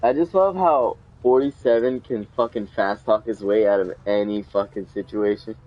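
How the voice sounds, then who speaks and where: A man's voice: lowish voice, normal speed, highs cut off. A young man chatting casually while playing a video game, rambling and swearing often. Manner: swears a lot, rambling and laughing. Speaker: gamer. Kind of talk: casual let's-play chat.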